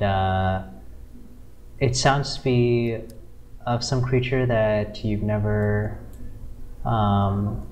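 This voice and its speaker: A man running a tabletop game as game master, narrating in a halting way with many pauses and ums. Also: mid-range voice, poor audio.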